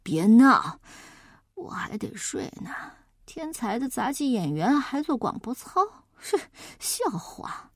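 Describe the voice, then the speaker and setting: Conceited male acrobat, haughty and lazy, voiced by a woman storyteller in a lowered, dry voice. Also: very animated, measured pace, no room sound. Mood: sleepy, grumbling. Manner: haughty, scornful, drawling.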